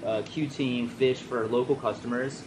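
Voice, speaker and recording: A man's voice: mid-range voice, steady tone, normal speed. A man working at a coral store, casually explaining how things run during a walk-through tour. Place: indoor aquarium store room full of tanks. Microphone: handheld camera mic, a few feet away. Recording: noisy shop with constant equipment hum.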